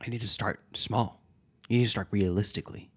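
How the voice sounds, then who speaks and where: Lower-voiced man in a comic vlog. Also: a little fast, husky. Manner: animated comic skit delivery, shouting out names; quiet reflective confession. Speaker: YouTuber. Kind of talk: comedic vlog monologue.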